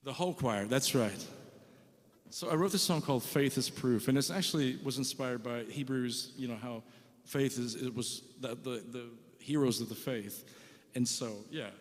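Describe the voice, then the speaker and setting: A man's voice: medium pitch, moderate pace. A man chatting casually and joking between songs at a church service, self-deprecating and rambling. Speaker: church musician. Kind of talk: casual stage banter and singing with guitar. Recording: live with long reverb and guitar.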